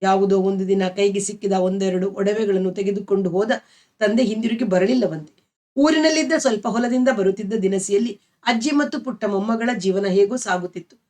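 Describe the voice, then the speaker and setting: A woman storyteller reading a novel aloud in a measured, expressive way. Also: medium pitch.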